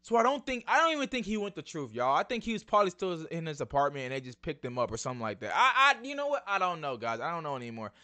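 A man's voice: on the high side, very fast, few pauses. A young man hosting his own video channel, breaking down a TV trailer in casual slangy chat and often calling out to his viewers. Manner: excitable, slangy, addresses viewers as y'all. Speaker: YouTube channel host.

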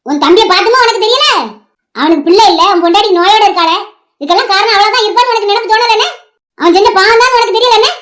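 A voice actor doing a spiteful old village crone. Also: female voice, very high voice, quick pace, fairly bright tone. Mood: scornful. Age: older. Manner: taunting, bitter, scolding. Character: vengeful scheming old village woman. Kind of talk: animated cartoon voice acting.

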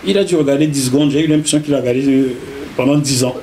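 A middle-aged man with a Cameroonian French accent, a journalist recounting his career as an interview guest, animated and repeating words as he goes. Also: mid-range voice, fast talker, slight background noise. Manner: animated, repeats words while telling a story. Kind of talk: casual interview storytelling.

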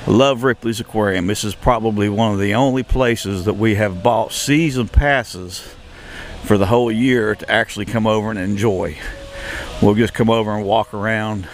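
A man's voice: lowish voice, moderate pace. A man giving a casual walking-tour commentary outdoors, rambling with many fillers and restarts. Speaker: travel vlogger. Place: outdoors at a shopping and entertainment complex.

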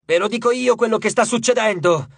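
A man voicing a scheming young male Roman augur, shouting accusations in an audiobook. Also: high-pitched, expressive, moderate pace, breathy edge, no echo, voice pushed up, exaggerated voice. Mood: accusing. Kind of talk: audiobook character voice.

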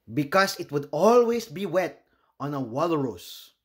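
A Filipino man hosts a children's story, reading it aloud in a slightly high voice full of animated intonation. He delivers each phrase slowly and expressively, never rushing.

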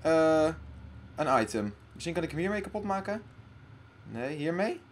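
A man hosting a let's play who talks to himself and loudly panics while playing. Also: fairly high pitch, sing-song, moderate pace, slight background noise. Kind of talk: casual gaming commentary.

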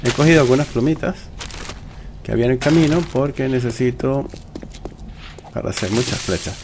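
Male gamer, mid-pitched with vocal fry, casual self-talking commentary over noisy game ambience. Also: brisk. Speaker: gamer, let's play host.

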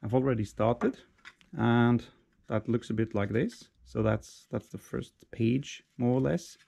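A young man explaining a metalworking project in a relaxed, plain way, recorded in his workshop on a head-mounted camera. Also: mid-range voice, a little slow, gravelly. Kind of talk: casual workshop vlog. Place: cluttered metal workshop indoors.

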